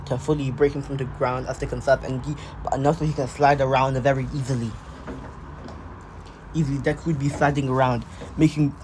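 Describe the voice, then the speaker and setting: A man with a mid-range voice telling an improvised fan story in a casual, halting way, doubling back and repeating phrases as he goes. A faint noise sits behind him. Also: mid-range voice, a little mellow. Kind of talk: casual fan-fiction narration.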